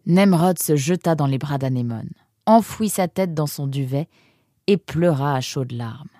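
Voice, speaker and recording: A woman narrating an audiobook in an expressive storytelling manner. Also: deep voice, a little slow, no room sound, studio quality.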